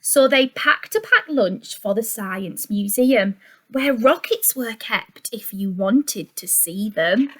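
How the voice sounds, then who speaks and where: With a high pitch and unhurried delivery, a female teacher reads a picture book to young children. She's expressive and sing-song, gasping, asking the listeners questions and adding chatty, teacherly asides as she goes.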